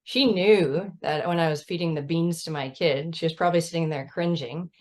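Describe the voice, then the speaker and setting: A woman's voice: low-pitched, moderate pace, darkish tone. A mother of a child with type 1 diabetes, talking earnestly and emphatically in a casual chat over a video call, often adding "right?". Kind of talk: casual conversational storytelling.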